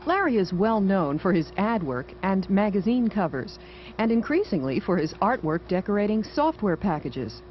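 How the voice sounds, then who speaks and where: A woman narrates a scripted TV feature as its reporter. Her medium-pitched voice moves in a lively way. The audio is dull, with clear background noise. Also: moderate pace. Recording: dull, noisy vintage TV audio.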